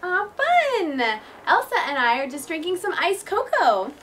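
A woman's voice: very high-pitched, big pitch swings, a little slow, fairly bright tone, a little hiss or hum, exaggerated voice. Woman playing a curious bookish princess, from a distance. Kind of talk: live-action play-acting.

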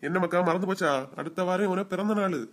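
An actor voices a gentle, doting middle-aged father in a cartoon comedy, using a Kanyakumari Tamil accent and a coaxing, soothing manner. The delivery is natural and fast, at medium pitch with fairly even intonation.

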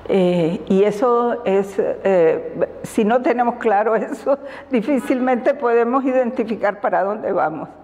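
Slow-spoken older Honduran woman. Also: fairly high pitch, a little mellow, long reverb tail. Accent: Honduran Spanish. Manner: slow, deliberate, reflective with frequent fillers and laughs. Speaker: women's rights defender. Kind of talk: interview answers. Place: indoors in front of a banner. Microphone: lapel mic.

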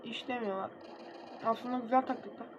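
A young man casually commenting on his mobile gameplay, excitable and quick to get frustrated, talking straight to his viewers. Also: very high-pitched, noisy background. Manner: excitable, easily frustrated, talks to viewers directly. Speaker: gaming channel host. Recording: dull lo-fi recording with faint game music.

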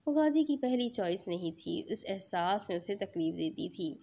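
A woman reading an emotional novel aloud in a steady, earnest narrating voice. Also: medium pitch. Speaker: novel reader.

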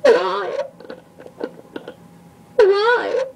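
A woman's voice: very high voice, takes it slowly, voice pushed up, heavily acted. A woman voicing a dramatic, weepy female toy pet actress, wailing melodramatically. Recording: noisy home video.

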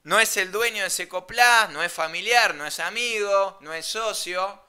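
Young man, Rioplatense Argentine accent, smooth clear voice, high pitch, casual slangy storytelling. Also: normal speed. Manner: animated, slangy, laughs mid-story. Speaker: streamer telling an anecdote.

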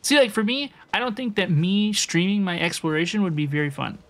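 This young woman plays a game on a live stream and talks casually with viewers, repeating her phrases a lot, with music in the background. Her voice is on the low side and fairly quick.

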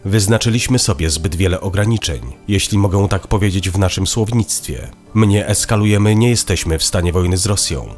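A man gives a scripted news voice-over in a calm, even, measured studio read. His voice is very low and deep, with soft music playing faintly underneath.

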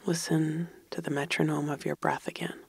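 A meditation guide whispering slow, soothing guidance close to the mic. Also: mid-range voice, little pitch movement, gravelly, breathy edge, no echo.

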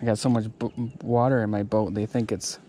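A man's voice: lowish voice, brisk, slight background noise. A young man casually narrating to viewers while fishing from a kayak on a lake, recorded on a head-mounted action camera. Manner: relaxed, chatty, talks to viewers. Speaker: fishing vlogger.

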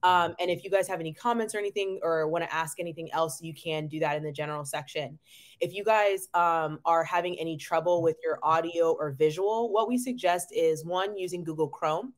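A nurse from North Carolina hosts a casual online webinar over a video call from a room at home. She is chatty and upbeat, with lots of ums and frequent laughter, and speaks fairly quickly in a fairly low voice.

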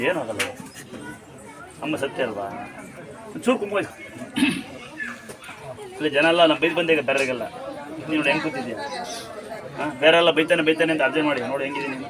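A man at a temple giving blessings and home remedies to devotees, commanding and repeating his instructions. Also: mid-range voice. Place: outdoor temple grounds among devotees. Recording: crowd noise around.

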